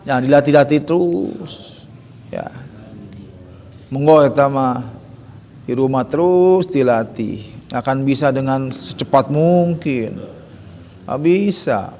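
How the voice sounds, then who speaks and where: Man, Quran recitation teacher, drills syllables, unhurried, reverberant hall. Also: medium pitch, a little mellow, a little hiss or hum. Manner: drills letter sounds in chanted syllables.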